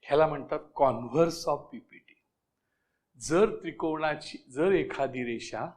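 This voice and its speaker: A man explains a geometry lesson to his class. His voice sits high and he takes his time, repeating key phrases and checking that everyone is with him. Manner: switches between Marathi and English, repeats key phrases; keeps checking that students follow. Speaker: math teacher.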